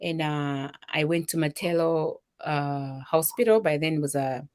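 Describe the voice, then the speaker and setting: A woman from Zambia with a Zambian accent and a slightly low-pitched voice tells a personal story on a talk show. She speaks with emotion and energy, and she voices the lines of people in her story. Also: a little slow, a little mellow. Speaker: guest, charity founder.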